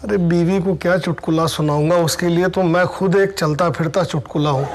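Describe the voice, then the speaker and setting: A man's voice: a little high, fairly even intonation, normal speed, slight background noise, lightly acted. A man playing a proud, indignant jobless husband. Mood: wry. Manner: pleading, then indignant and bluffing. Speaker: jobless man answering a sales call.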